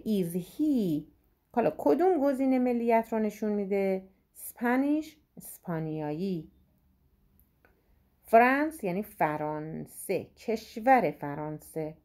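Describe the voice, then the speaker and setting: A woman with a lowish, dark-toned voice works through exam questions as a teacher. She pronounces English words slowly and explains quickly in between.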